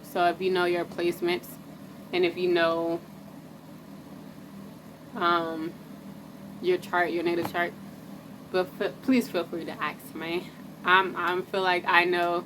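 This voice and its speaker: A woman's voice: on the low side, little pitch movement, slow, pauses often, background noise. A woman vlogging about astrology in loose, slangy casual chat, often breaking off and restarting. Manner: loose and rambling, breaks off and restarts, laughs at herself. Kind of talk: casual rambling chat to camera.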